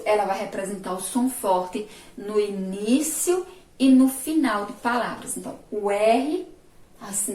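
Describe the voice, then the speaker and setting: A woman with a Brazilian Portuguese accent teaching a remote class, asking her pupils questions and answering them herself, sounding out syllables slowly and loudly. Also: mid-range voice, recorded from a distance. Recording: roomy echo, voice from off mic.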